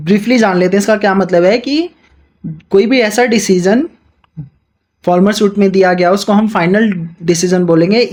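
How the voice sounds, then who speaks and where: A man giving a law lecture. He reads English legal text out slowly and explains it quickly in Hindi mixed with English terms. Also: high voice, darkish tone. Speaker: law teacher.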